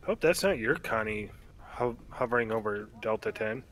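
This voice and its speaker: A man's voice: lowish voice, lively intonation, normal speed, fairly bright tone, low-quality recording. A man joining a game on voice chat, bantering and teasing his friend with chuckles. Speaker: co-player on voice chat. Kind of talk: casual gaming banter.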